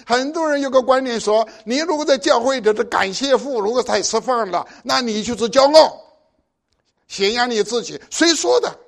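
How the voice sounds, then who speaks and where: High-voiced older preacher, exhorting. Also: male voice, moderate pace, vocal fry. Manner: exhorting, with pointed rhetorical questions. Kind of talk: sermon.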